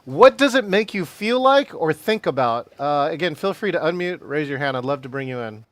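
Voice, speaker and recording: A man with a fairly high voice hosts a live online training session. He talks energetically, chuckles often and calls on participants by name. His sound is close and dry, coming through a video call. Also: normal speed, no echo. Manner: energetic, laughs often, addresses attendees by name. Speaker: virtual meeting trainer. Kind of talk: live webinar presentation.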